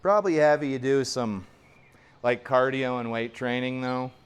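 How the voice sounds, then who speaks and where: A man's voice: medium pitch, steady tone, unhurried, clear, resonant tone. A man in his forties giving casual, rambling, self-deprecating commentary while playing in a home golf simulator. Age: 40s. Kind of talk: casual play-along commentary.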